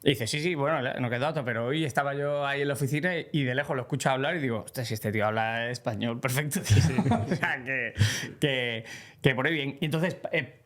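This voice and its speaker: Man, mid-pitched voice, chatty host, casual podcast. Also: brisk, fairly bright tone. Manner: chatty, rambling, many fillers.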